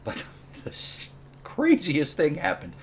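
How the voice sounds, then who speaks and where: A man's voice: on the high side, slow. A man teaching a programming class from his home, telling a funny story in a casual, exaggerated, self-mocking way. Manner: animated, comically exaggerated, self-deprecating. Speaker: programming instructor. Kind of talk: casual storytelling before a lesson. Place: at home, dining room table.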